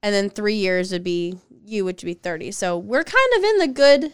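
A woman's voice: mid-range voice, very animated, normal speed, clean tone, no echo, studio quality. A woman, co-hosting a podcast in playful, teasing chat. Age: 20s. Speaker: podcast co-host. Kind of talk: casual chat.

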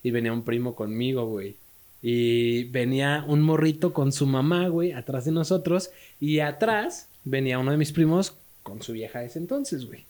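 A young Mexican man telling a story in a casual podcast chat, animated and full of slang, shouting out the lines he quotes. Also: medium pitch, moderate pace. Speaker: podcast co-host.

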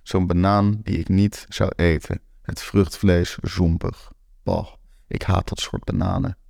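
A man narrating a first-person story in a blunt, matter-of-fact way. His voice sits very low, with a gravelly rasp, and the recording is close and dry with no room sound. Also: flat delivery, unhurried, darkish tone, no room sound.

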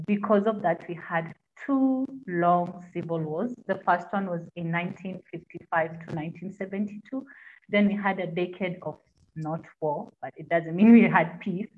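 A woman from South Sudan, a feminist activist, speaking as a guest in a podcast interview in an emphatic, expressive way. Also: fairly low pitch. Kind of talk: conversational interview. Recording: tinny phone-like line.

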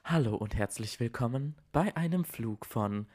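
A man mimicking a flat robotic flight announcer. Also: mid-range voice, close to an everyday voice. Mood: robotic, polite. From Vorarlberg, Austria. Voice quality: flat robotic monotone, slow and measured. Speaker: podcast co-host. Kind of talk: mock in-flight welcome announcement.

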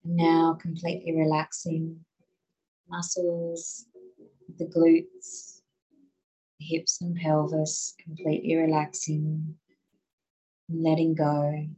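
A woman guiding a listener through muscle relaxation in a slow, soothing voice. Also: deep voice, monotone, mellow, slightly rough, rough recording. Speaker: relaxation guide. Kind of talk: guided relaxation.

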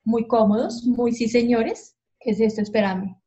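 A woman's voice: on the high side, fairly even intonation, moderate pace, mellow. A woman telling her stories as a podcast guest, frankly and with animation, acting out the voices she quotes. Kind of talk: candid storytelling. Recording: dull lo-fi sound.

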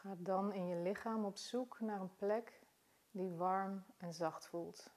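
A woman guiding a body-scan meditation in a soft, calm, soothing manner, unhurried and with long pauses between phrases. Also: medium pitch. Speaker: meditation guide.

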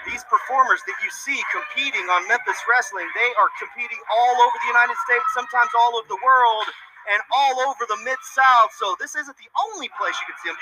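A man hosting a wrestling show with energetic sports commentary. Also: extremely high pitch, noisy background. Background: music.

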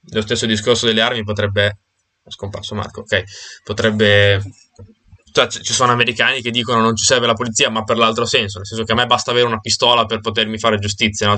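A man's voice: fairly low pitch, flat delivery, a little fast, sharp tone. A man leading a casual group discussion over a video call, thinking aloud with fillers and restarts.

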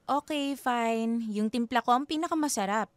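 A woman's voice: fairly high pitch, moderate pace, no echo, close to an everyday voice. Girl voicing a young girlfriend in a radio play, bantering, dry close sound. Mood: playful. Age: 20s. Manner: light, bantering. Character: young woman, fond and playful with her boyfriend. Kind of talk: radio drama acting.

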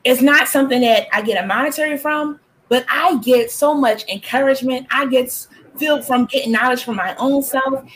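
A woman's voice: high-pitched, normal speed, few pauses, fairly bright tone, a little hiss or hum, rough recording. A woman hosting a community talk show, affirming and enthusiastic in an encouraging, preacherly way. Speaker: host.

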